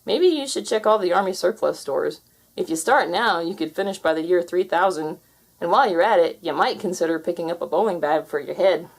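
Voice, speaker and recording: A woman's voice: on the low side, brisk, poor audio. A woman voicing a mischievous, sarcastic male cat as a storybook character. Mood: smug.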